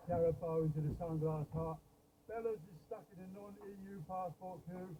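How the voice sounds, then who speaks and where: A man rambles jokily in a slightly raised voice. The sound is muffled, and noise runs clearly underneath. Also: high-pitched, fairly even intonation, moderate pace. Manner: rambling, jokey.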